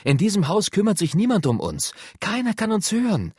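A man reading an audiobook voices an eager, confident eldest boy, full of excitement. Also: sits high, fairly quick, breathy edge, dry recording, studio quality, voice pushed up, heavily acted. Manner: eager, enthusiastic.

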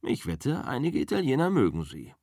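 A man reading an audiobook, voicing a calm, easygoing male driver and stunt double who talks matter-of-factly. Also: mid-range voice, moderate pace, creaky, no echo, studio quality, voice pushed up, full character voice. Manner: easygoing, soothing, matter-of-fact. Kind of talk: audiobook character voice.

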